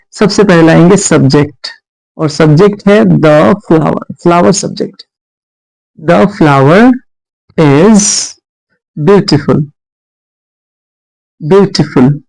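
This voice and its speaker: High-voiced Indian man teaching grammar. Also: darkish tone, low-quality recording. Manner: explains step by step, repeats words slowly, often says "friends". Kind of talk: classroom grammar lesson.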